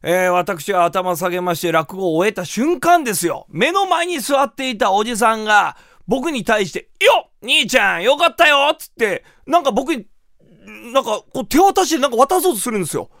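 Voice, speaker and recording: A man who is a rakugo performer hosting a radio show, telling comic stories in a lively way. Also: high-pitched, fairly quick, dry recording, clean studio sound. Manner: lively, animated, acts out quotes. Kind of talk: comic storytelling talk.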